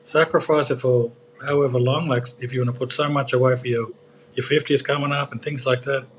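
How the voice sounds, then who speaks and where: An Australian man speaks earnestly and stresses his points in plain colloquial talk. His pitch is ordinary for a man. A faint hum sits under his voice. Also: fairly even intonation, fairly quick. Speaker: co-host. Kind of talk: casual yarn.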